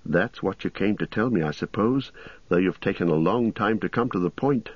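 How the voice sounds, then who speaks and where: A man voicing an earnest, impatient young male hobbit who talks eagerly, with a husky voice. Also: deep voice, animated, normal speed, dry recording, lo-fi sound.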